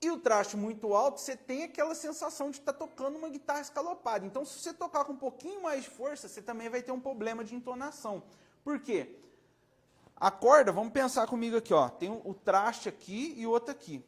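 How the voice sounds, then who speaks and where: A Brazilian man, a luthier, explaining frets casually in a relaxed, rambling way, demonstrating with his hands and often checking the viewer is following. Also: very high-pitched, fast. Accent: Brazilian Portuguese. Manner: relaxed, rambling, self-correcting.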